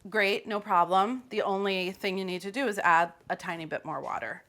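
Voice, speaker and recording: A woman walks viewers through a recipe in a relaxed, joking way, her voice sitting at an ordinary middle pitch. She talks in a loose, offhand manner full of casual asides. It sounds like an everyday home kitchen. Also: moderate pace. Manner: chatty and playful, with loose fillers. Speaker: cooking host. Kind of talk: casual cooking demonstration.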